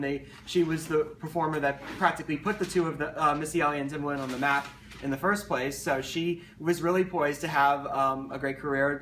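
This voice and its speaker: A man co-hosting with unscripted explanations, talking haltingly and repeating words as he goes. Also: on the high side, a bit bright. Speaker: co-host. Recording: distant mic, background noise.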